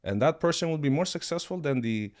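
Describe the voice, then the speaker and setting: A man from Sweden, a martial arts coach, speaking as a podcast guest in an animated, expressive way. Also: on the high side, brisk. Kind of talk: podcast interview.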